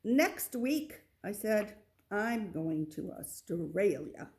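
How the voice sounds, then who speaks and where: A woman reading a children's picture book aloud, with expressive delivery and little asides to the listener. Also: mid-range voice, very slow. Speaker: storybook reader.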